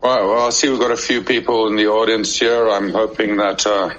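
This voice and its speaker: A man hosting a casual online audio chat, his voice strained and prone to cracking, talking in a relaxed, rambling way. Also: on the low side, brisk, dull audio. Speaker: host.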